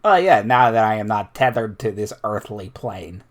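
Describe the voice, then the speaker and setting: A man's voice: lowish voice, expressive, normal speed, close to an everyday voice. A man playing an airy, eager, dim young woman bard in improvised tabletop role-play, breezily agreeing as talk goes. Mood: earnest, airy. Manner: begins replies with a breezy "oh yeah". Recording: clear background noise, room ambience.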